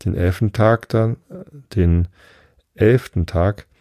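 A man voicing a polite, curious young girl in a storybook reading, asking soft questions. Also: fairly low pitch, takes it slowly, no echo, clean studio sound. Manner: soft, questioning and a bit indignant.

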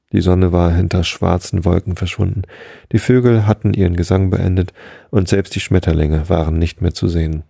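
A man narrating a storybook in a calm, measured way. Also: deep voice, gravelly, husky, no room sound, clean studio sound.

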